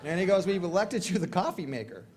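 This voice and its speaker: High-voiced man telling a jokey story. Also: sing-song, heavy background noise. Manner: jokey, slangy, with quick asides. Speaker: featured recovery speaker. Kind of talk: storytelling talk at a convention.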